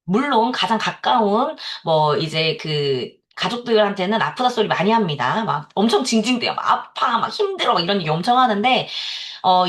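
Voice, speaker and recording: A woman's voice: mid-range voice, fairly bright tone. A woman in her thirties giving a lecture to salon owners, telling a personal story in a candid way and laughing often.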